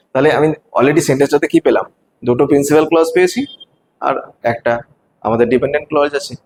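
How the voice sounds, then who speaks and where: A male teacher, explaining grammar step by step in an exam-prep lesson and reading example sentences slowly. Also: mid-range voice, a little mellow, in a large hall, slight background noise, rough recording. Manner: explains step by step, asks rhetorical checks.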